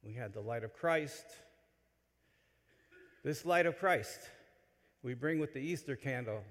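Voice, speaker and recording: A man delivering a homily in a church, telling stories with animated swings between loud excitement and quiet asides. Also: mid-range voice, measured pace. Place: large church. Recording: long church reverb. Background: church hall.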